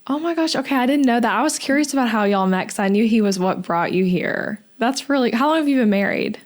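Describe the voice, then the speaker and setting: A woman's voice: fairly high pitch, lively intonation, fast. A young woman hosting a podcast, gushing and chatty, with many fillers like "um" and "like". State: pregnant. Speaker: podcast host. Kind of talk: casual interview and podcast intro.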